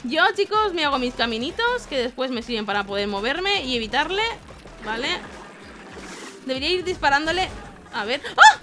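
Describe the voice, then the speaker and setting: A woman from giving excitable let's-play commentary, shrieking and laughing as she plays. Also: sits high, normal speed, noisy background. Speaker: gaming YouTuber. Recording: game music loud under the voice. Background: game music.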